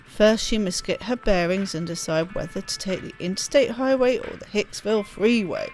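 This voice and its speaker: A let's play host reads a game's story text aloud with expression, making spontaneous casual asides as she plays. Her medium-pitched, darkish voice moves at a moderate pace over game music, in a rough recording with slight background noise.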